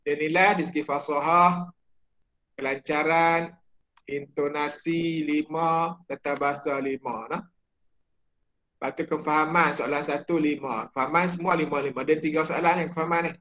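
A man with a Malaysian Malay accent, a religious studies teacher giving a chatty exam-prep lecture, with many fillers and quick checks on his students. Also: on the high side, steady tone, sharp tone, dull audio.

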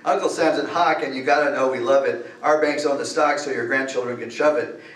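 A man's voice: mid-range voice, fairly even intonation, fairly quick, a bit bright. Older man reciting mocking rhyming verse. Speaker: open mic poet. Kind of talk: rhythmic satirical verse recitation. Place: library meeting room, at a podium. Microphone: podium mic, far camera. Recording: echoey room from far off.

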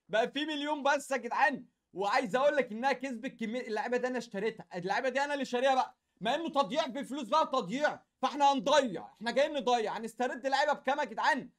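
A young man with an Egyptian Arabic accent doing casual, slangy gaming commentary in an excitable, repetitive way. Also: very high-pitched. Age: young adult. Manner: excitable, slangy, chatty, repeats phrases. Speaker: gaming YouTuber.

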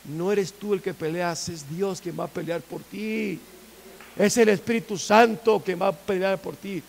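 Male preacher, fervent church sermon, very high voice with heavy gravel, hushed then loud. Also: a little hiss or hum. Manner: fervent, repetitive, swings between loud and hushed.

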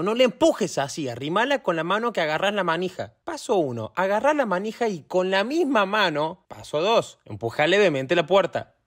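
Exasperated Argentine man, bright and high. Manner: exasperated, insulting. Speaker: comedy creator. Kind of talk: comedic skit narration.

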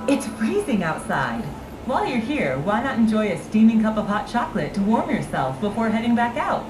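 A woman reading a scripted advertisement in a lively, inviting sales delivery. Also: on the high side, a little fast, distant mic. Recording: roomy playback from a speaker with music.

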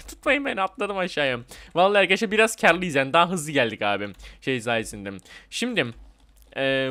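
A young man giving casual, excitable commentary while playing a game, chatty, with bursts of laughter and yelps. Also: fairly high pitch, clean tone. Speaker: gaming YouTuber. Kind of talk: casual Roblox let's play commentary.

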